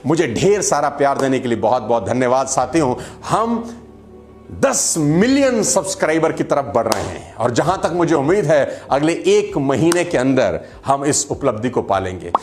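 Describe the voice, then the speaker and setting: A man giving a motivational talk to camera, animated and storytelling, with acted quotes and jokes. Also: fairly high pitch, a little hiss or hum. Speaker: motivational speaker and video creator.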